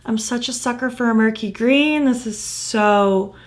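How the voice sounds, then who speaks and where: A makeup vlogger chats casually through a tutorial, her fairly high voice slightly croaky because she's losing it. She takes her time, gushing enthusiastically about the colors and murmuring softly as she applies them.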